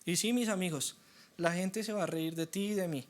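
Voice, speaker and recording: A young man preaching a sermon, animated and acting out the voices of doubters. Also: sits high, fairly quick. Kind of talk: sermon teaching.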